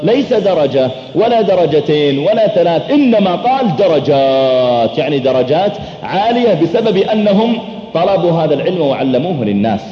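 A middle-aged male preacher giving a sermon, telling stories animatedly and acting out the dialogue. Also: fairly high pitch. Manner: animated, acts out dialogue, chants verses slowly. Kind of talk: sermon storytelling. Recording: echoey hall, dull lo-fi sound.

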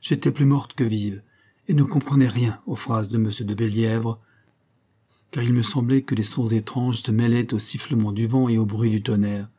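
A man reading a classic story aloud in a measured, even narrating manner. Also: mid-range voice. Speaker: audiobook reader. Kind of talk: scripted literary narration.

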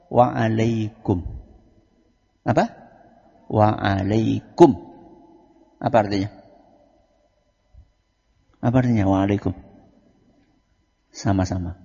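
A man preaching a lively sermon, asking his audience questions and answering them himself. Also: lowish voice, slightly rough. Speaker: Islamic preacher. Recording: lo-fi recording in a large echoing hall.

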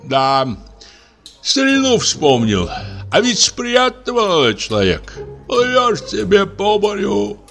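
A man's voice: sits high, huge pitch swings, slow pace, gravelly, a bit bright, soft background music, voice pushed up, full character voice. A man voicing an old, hard-of-hearing retired naval captain who mishears and blusters. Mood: reminiscing. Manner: mishears, then blusters indignantly.

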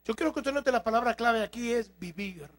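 A man's voice: very high voice, expressive, fairly quick, fairly bright tone. A man preaching a sermon to his congregation, emphatic and full of rhetorical questions. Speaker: pastor. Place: church.

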